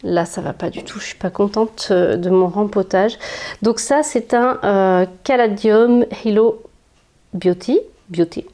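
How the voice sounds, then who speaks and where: A woman's voice: medium pitch, unhurried, dark tone. A woman with a French accent, chatting enthusiastically in a casual plant vlog at home, with frequent fillers. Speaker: plant vlogger. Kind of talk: casual chat. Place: home with houseplants, indoors.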